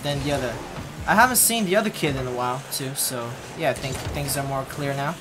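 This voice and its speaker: A young man streams a game from a desk in his home room, talking a little fast into a headset. He's blunt, mumbles low asides, and talks back to chat in a casual live-stream, with loud game music and other noise in the background.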